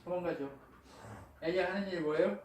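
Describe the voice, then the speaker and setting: A man's voice: sits high, a little fast, recorded from a distance, a little hiss or hum. Man preaching in an echoey church hall. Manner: lively and colloquial, asks the congregation frequent questions. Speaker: pastor. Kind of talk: sermon. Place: church sanctuary.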